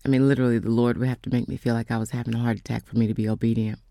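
A woman telling a faith testimony in a casual storytelling way, slowing down and dropping to whispers for emphasis. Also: a bass voice, level tone, creaky, warm tone, no room sound, studio quality. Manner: storytelling, acts out quoted voices; slows down for emphasis, drops to whispers. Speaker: speaker giving a testimony.

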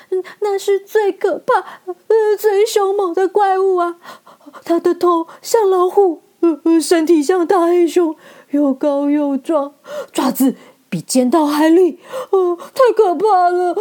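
A woman's voice: sits high, slow, a little mellow, pitched above the performer's own voice. A woman voicing a timid, cowardly male lion who stammers and whimpers with fright in a storybook reading. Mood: panicked.

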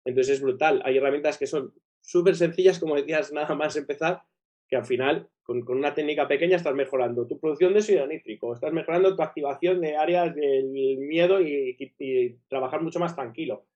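A man's voice: a little high, fairly quick, a little mellow, dull audio. A man with a broken, operated nose and a nasal dilator, explaining things enthusiastically as an interview guest, often checking in with tag questions. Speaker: guest breathing coach.

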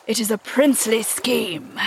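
A woman voicing a menacing, brooding male pirate captain in a storybook, with grandiose, drawn-out archaic speech. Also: a little high, vocal fry, a little hiss or hum. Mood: commanding.

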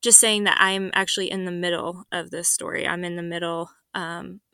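A young woman raised in Guatemala and Mexico, earnestly sharing a personal faith story as a podcast guest, with many ums and soft laughs. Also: lowish voice, level tone, normal speed, smooth, no echo. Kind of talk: personal testimony in a podcast interview.

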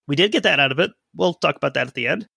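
A man co-hosts a casual history podcast, reading old newspaper quotes aloud between conversational asides. His voice is bright and a little higher than most men's. The sound is dry and close. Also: expressive, racing, vocal fry, husky, no room sound. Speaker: podcast co-host.

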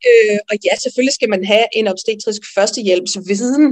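A woman midwife telling a personal story in an interview, lively and animated, with frequent fillers. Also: medium pitch. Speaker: midwife guest.

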